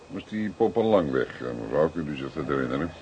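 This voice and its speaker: In a crime radio drama, a middle-aged detective with a low voice speaks calmly, courteously and deliberately, his mood polite but probing. The recording has clear noise and clicks, and its highs are cut off.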